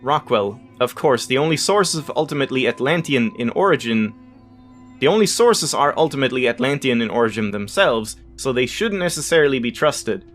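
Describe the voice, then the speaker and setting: With game music behind him, a man hosts a let's play in a mid-range, fairly bright voice that's animated and a little fast. He reads in-game text aloud, adds casual asides, and sometimes stumbles over unfamiliar words, then self-corrects.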